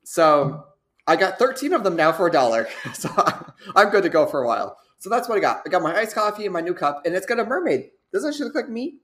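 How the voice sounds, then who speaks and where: Young woman, low voice, very animated, giggly, casual podcast chat. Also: fast talker. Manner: giggly, swearing, lively storytelling. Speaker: podcast co-host.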